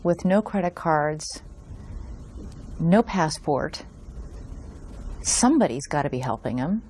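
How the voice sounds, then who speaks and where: Female reporter, probing interview style, very low mellow voice, faint ambient noise. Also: lively intonation, slow. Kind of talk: probing interview questions and remarks.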